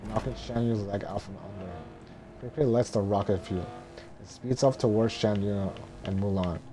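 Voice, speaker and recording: A man reading a film script as narration in a monotone, droning way, halting and stumbling over words. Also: fairly low pitch, noisy background.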